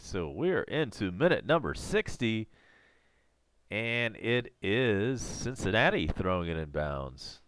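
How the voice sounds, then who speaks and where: A man doing live play-by-play of a soccer match, going a little hoarse. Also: fairly low pitch, sing-song, slow pace, a bit bright, no echo. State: losing his voice. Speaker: live reaction host. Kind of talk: live game commentary.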